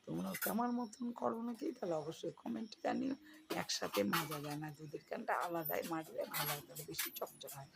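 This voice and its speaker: A hoarse woman vlogging casually at home, chatting straight to her viewers with many fillers. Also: deep voice, quick pace. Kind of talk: casual home vlog narration. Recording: noisy home recording.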